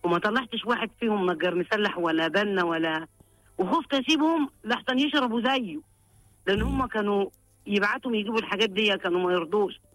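A woman's voice: medium pitch, fast, a bit bright, no room sound, faint music behind, poor audio. An older woman with an Upper Egyptian accent, calling in for advice and recounting her hardship in a pleading, emotional, repetitive way. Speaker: caller seeking advice. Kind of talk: personal account of hardship.

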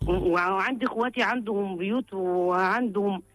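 A woman's voice: medium pitch, moderate pace, a bit bright, no room sound, faint music behind. An older woman with an Upper Egyptian accent, calling in for advice and recounting her hardship in a pleading, emotional, repetitive way. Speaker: caller seeking advice. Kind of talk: personal account of hardship.

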